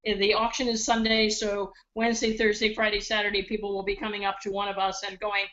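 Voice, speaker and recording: A woman's voice: medium pitch, monotone, fairly quick, fairly bright tone. A woman who is a charity auctioneer, chatting casually in a playful, joking way. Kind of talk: casual chat. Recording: dull lo-fi audio.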